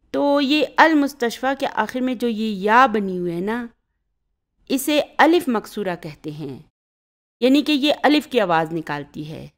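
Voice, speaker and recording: A woman's voice: a little high, fairly bright tone. Urdu-speaking woman teaching Arabic grammar. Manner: explains step by step, often checks with "ٹھیک ہے؟". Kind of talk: grammar lesson.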